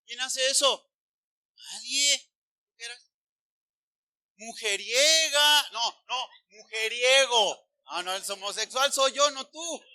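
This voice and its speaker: A man preaching a sermon as pastor, animated, questioning the congregation directly. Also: extremely high pitch, measured pace, no room sound. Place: church.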